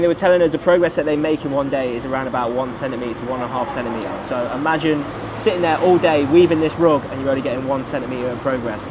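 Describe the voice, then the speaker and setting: An enthusiastic man chatting his way through a travel vlog at a middling pitch, quick and lively in delivery. He is recorded outdoors, with traffic and street noise clearly underneath. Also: highs cut off. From United Kingdom. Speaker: travel vlogger. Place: outdoors by a road.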